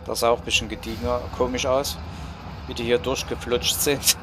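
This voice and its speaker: A man's voice: mid-range voice, flat delivery, a little fast, noisy background. A man hosting a let's play, giving casual game commentary and musing aloud as he talks to his units. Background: game music and battle sounds.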